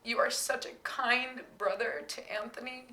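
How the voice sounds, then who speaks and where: A woman's voice: on the high side, fairly even intonation, normal speed, bright, forceful tone, reverberant, low-quality recording. A woman and parent speaking heartfelt words to her son in a family talk, sometimes close to tears. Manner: heartfelt, tearful at times. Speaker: parent and co-host.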